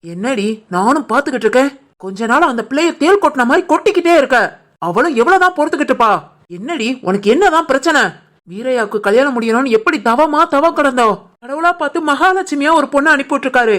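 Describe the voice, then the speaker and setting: A woman voicing a protective older mother-in-law in an animated family cartoon, firm and scolding, with a Tirunelveli Tamil accent. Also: sits high, quick pace. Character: caring older mother-in-law, protective, stern with her daughter.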